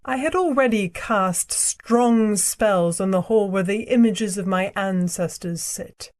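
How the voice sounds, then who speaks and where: A woman voicing a proud, cruel ancient queen and sorceress in an audiobook, speaking in a slow, imperious, theatrical way. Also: mid-range voice, darkish tone, natural voice. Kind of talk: audiobook character reading.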